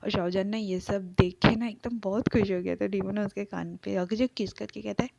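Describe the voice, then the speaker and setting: A woman retelling a fan fiction story in a loose, chatty way, padding her sentences with filler words. Her voice sits at an ordinary middle pitch for a woman. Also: fairly even intonation, fairly quick, gravelly, mellow.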